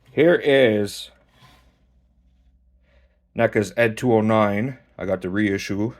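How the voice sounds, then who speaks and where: Low-voiced man casually reviewing a model kit. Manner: relaxed, swears casually, talks while posing a figure. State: out of breath. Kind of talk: casual hands-on toy review.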